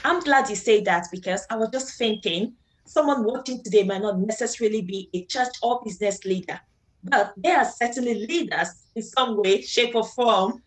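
A woman's voice: a little high, moderate pace, low-quality recording. A woman hosting and asking friendly questions on a video call from her kitchen at home. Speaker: host. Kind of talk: interview questions.

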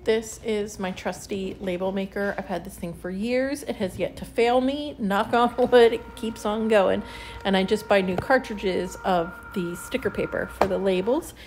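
A woman's voice: medium pitch, normal speed, darkish tone, slight background noise. A woman in her thirties chatting casually through a home organizing vlog, laughing lightly mid-sentence. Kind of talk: casual voice-over narration. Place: home kitchen with pantry, indoors.

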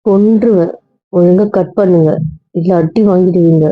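A woman's voice: fairly low pitch, moderate pace, lightly acted. Brief: a woman as a young wife who soothes and scolds, in a slightly dull recording. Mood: scolding. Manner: coaxing, then scolding. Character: young wife, bossy yet coaxing. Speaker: doctor.

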